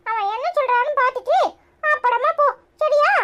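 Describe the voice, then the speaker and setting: A woman's voice: very high-pitched, a little fast, muffled recording, background noise, voice pushed up. A woman voicing a cheeky, bossy but caring little boy in a cartoon, with a Tirunelveli Tamil accent and chirpy childish chatter.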